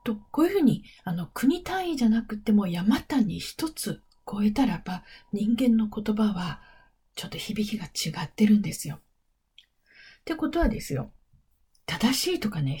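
A woman hosting a weekly advice podcast, talking softly and slowly and often slipping into a whisper. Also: medium pitch. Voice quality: very breathy, often drops to a whisper. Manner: soft, slow and coaxing, stretches key words. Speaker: English-pronunciation podcast host. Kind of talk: gentle advice monologue.

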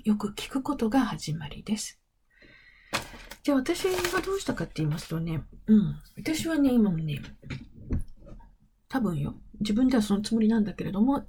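A woman with a medium-pitched, very breathy voice hosts a weekly advice podcast, speaking softly and slowly and often dropping into a whisper. Her pronunciation is English, and she delivers a gentle advice monologue in a coaxing way, stretching out key words.

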